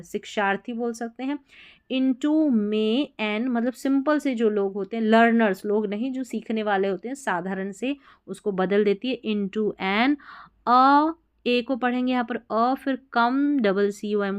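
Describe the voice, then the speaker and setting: A woman's voice: medium pitch, smooth. A woman teaching English spelling and reading, spelling words out letter by letter, then explaining their meanings.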